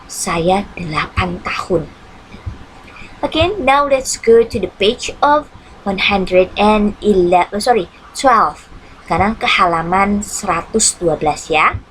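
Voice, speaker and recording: A woman teacher with an Indonesian accent talks slowly and patiently through an online English lesson, saying each phrase in English and then in Indonesian. She often pauses on a drawn-out hmm. Her pitch is mid-range for a woman, with a faint hiss behind her. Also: lively intonation, a bit bright, low-quality recording. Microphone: computer mic on a screen-shared video lesson.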